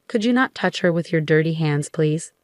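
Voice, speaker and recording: A woman's voice: deep voice, animated, normal speed, no echo, studio quality. A woman voicing a protective husband who speaks in a firm, polite way. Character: protective, calm new husband.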